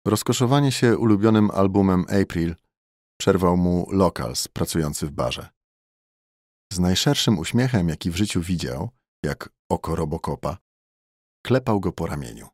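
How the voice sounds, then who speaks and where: Male audiobook narrator, very low voice, measured and steady, dry close studio sound. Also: dry recording.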